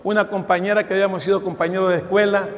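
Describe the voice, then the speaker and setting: A man in his sixties preaches with fervor, his voice pitched unusually high for a man. He often calls his listeners brother and slips into stories of people he met. A long reverb rolls through the church hall around him. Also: flat delivery, rapid-fire. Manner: tells stories with quoted dialogue. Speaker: pastor. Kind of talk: sermon.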